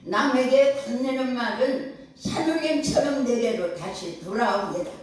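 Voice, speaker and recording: An older woman pastor delivers a sermon with a rising, emphatic cadence, pausing for her congregation's amens. Her voice rings through a very reverberant sanctuary. She sounds set back from the microphone. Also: on the high side, lively intonation, a little mellow. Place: church sanctuary. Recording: echoey church hall, far from mic.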